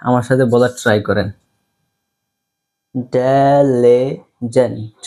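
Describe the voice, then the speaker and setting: Male tutor, unhurried drill voice, patient, repeats every word. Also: mid-range voice, darkish tone. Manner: patient, repeats each word many times. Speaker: English teacher. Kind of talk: slow vocabulary lesson, repeat-after-me drills.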